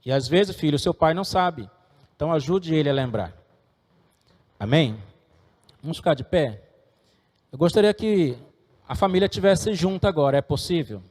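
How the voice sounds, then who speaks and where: A man's voice: fairly high pitch, expressive, normal speed, pauses often, darkish tone, long reverb tail. A middle-aged man, preaching a sermon and earnestly exhorting his congregation. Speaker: pastor.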